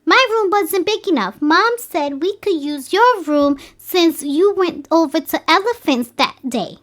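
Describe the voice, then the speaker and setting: A man's voice: very high voice, animated, unhurried, a bit bright, pitched above the performer's own voice, exaggerated voice. A man voicing a sweet, sassy young girl in an audio story, speaking cheerfully. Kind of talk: storybook character voice.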